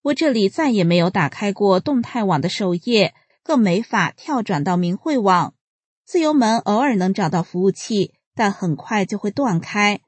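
Female reader, measured scripted delivery, husky timbre, dry close sound. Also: mid-range voice, no room sound. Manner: measured, even announcer-like delivery. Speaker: reader of published articles. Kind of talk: scripted reading.

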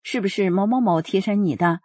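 Woman, narrator, earnest and steady, husky voice, dry recording. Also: mid-range voice, a little fast, no room sound. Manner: steady, earnest storytelling with quoted dialogue. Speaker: reader of a personal account. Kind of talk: first-person narration read aloud.

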